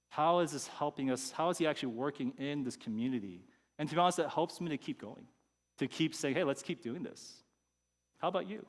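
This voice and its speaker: A pastor giving a conversational sermon, sometimes acting out people's inner thoughts. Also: male voice, on the high side, big-room sound. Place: church sanctuary.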